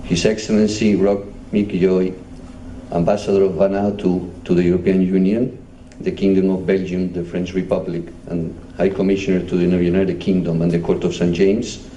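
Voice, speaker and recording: Spanish-accented male official, low and mellow voice, formal measured delivery, caught from a distance in an echoey hall with faint noise. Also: level tone, dull audio. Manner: measured, formal, reading out titles. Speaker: European Union official giving a speech. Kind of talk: formal conference speech.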